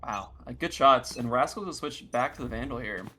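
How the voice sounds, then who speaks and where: A man's voice: medium pitch, expressive, a little fast, sharp tone. A man co-casting a live online shooter match, often exclaiming at big shots. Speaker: co-caster. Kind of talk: live game commentary. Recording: noisy game audio behind.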